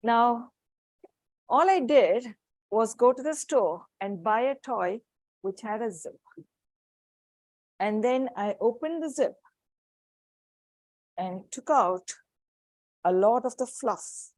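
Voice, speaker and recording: A woman's voice: a little high, expressive, takes it slowly, long pauses, no room sound. A woman psychiatrist with an Indian accent, giving a practical workshop to parents and showing objects as she explains. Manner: warm, practical, demonstrating objects. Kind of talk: live workshop talk to room and Zoom.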